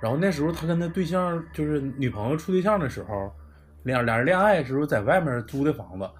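A man's voice: a little high, animated, fast talker. A man with a Northeastern Chinese accent telling a true ghost story in casual podcast chat, blunt and swearing freely.

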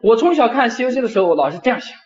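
A man's voice: extremely high pitch, slight background noise. Middle-aged guy lecturing, bouncy storyteller voice, sounds muffled and lo-fi. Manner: animated storyteller, frequent drawn-out particles. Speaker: university professor.

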